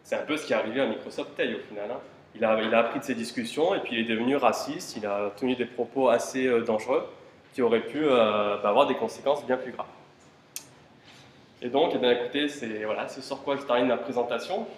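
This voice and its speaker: A man's voice: mid-range voice, brisk, slight background noise. A man giving an informal talk at a tech conference, asking the audience rhetorical questions and dropping casual fillers. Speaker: conference speaker. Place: conference room. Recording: roomy hall with faint ambience.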